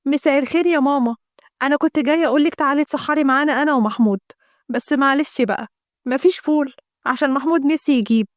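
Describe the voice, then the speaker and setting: A nagging young housewife with an Egyptian accent, as a woman narrator puts her on. Her voice is pitched very high and shrill, running in quick, scolding complaints, in a dry close recording. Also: no echo, natural voice. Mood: polite. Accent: Egyptian Arabic.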